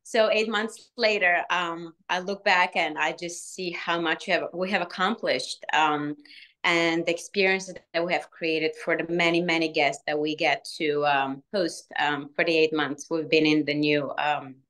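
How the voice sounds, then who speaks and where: A woman in her forties from Bulgaria with a Bulgarian accent, answering interview questions earnestly with frequent "um" pauses. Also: deep voice, fairly even intonation, a bit bright. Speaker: alumna guest, restaurant manager.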